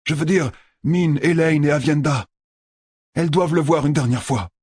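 A man reading an audiobook voices a weary young lord and blacksmith who speaks earnestly and gently. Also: fairly high pitch, moderate pace, breathy edge, no echo, clean studio sound, voice pushed up. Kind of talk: audiobook character voice.

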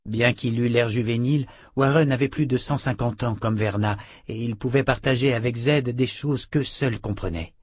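A man reading a novel aloud in a measured, even way. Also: mid-range voice, breathy edge, dry recording, studio quality. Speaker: audiobook narrator. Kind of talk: scripted narration.

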